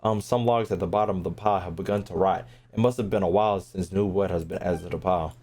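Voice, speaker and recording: Over background game music, a male streamer talks fast in a deep, darkish voice that stays steady. His commentary on the live gameplay is informal and full of swearing, and he sometimes reads the on-screen text out loud.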